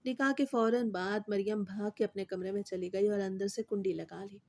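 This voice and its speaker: A woman storyteller giving steady, scripted narration of a moral story. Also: medium pitch.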